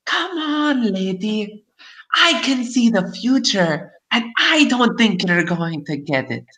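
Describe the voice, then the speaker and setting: A man voicing a knowing old crone fortune teller with a high, cackling old woman's voice in a tabletop game. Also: very animated, slow, sharp tone, roomy sound, heavily acted. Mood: chummy, griping. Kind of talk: tabletop role-play.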